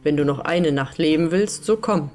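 A woman voicing a rough male robber who urges a captive on with blunt warnings in a storybook reading. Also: low-pitched, moderate pace, a little mellow, faint music behind, natural voice. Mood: urgent.

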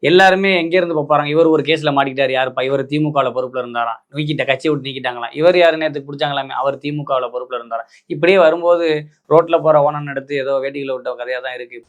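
A man interviewing a politician, pressing him with question after question. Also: mid-range voice. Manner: pressing, rapid-fire questioning.

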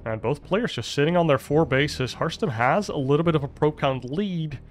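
A man casting a strategy game on his own, calm play-by-play that jumps up in pitch at big fights. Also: normal speed, faint music behind. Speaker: esports caster. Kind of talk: solo play-by-play commentary.

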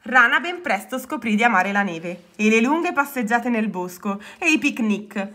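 A woman reading a children's story aloud, expressive. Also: on the high side, normal speed.

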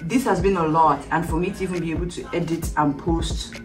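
Low-voiced woman saying an emotional goodbye. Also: fairly even intonation, a little fast. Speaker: vlogger. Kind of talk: casual vlog talk to camera. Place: small room by a door, indoors. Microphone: camera a few steps away. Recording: distant mic, music behind.

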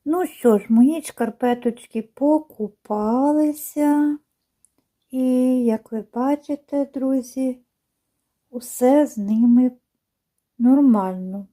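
A woman vlogging about her knitting at home, chatting to viewers in an unhurried way with many fillers and restarts. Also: high-pitched, warm tone. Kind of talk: casual chat to viewers. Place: home, indoors by a window.

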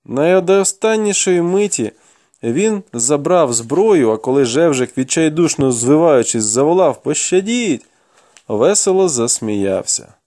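A man narrating a fantasy novel in the first person with expressive, dramatic storytelling. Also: a little high, measured pace. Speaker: audiobook narrator.

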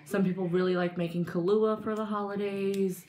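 A woman's voice: medium pitch, steady tone, moderate pace, crowd noise. A woman hosting a casual podcast chat, chatty and giggly, with hesitant restarts. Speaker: podcast host.

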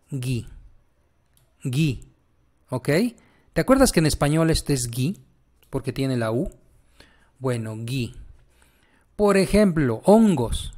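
Male teacher, slightly high-pitched, unhurried, repeats sounds patiently for learners. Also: a little mellow. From Mexico. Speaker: language teacher. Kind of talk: online pronunciation lesson.

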